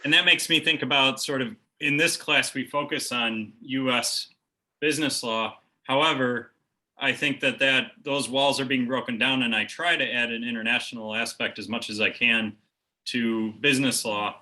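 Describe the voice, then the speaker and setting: Bright-voiced thoughtful American man. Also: mid-range voice, steady tone, moderate pace, rough recording. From United States. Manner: thoughtful, hesitant, musing. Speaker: business law instructor hosting. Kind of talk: conversational interview.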